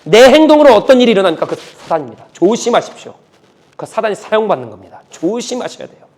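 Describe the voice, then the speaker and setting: A male pastor preaching a sermon, emphatic and repetitive, dropping from loud urging to a hush. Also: sits high, big pitch swings, fast talker. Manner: emphatic, repetitive, swings between loud and hushed.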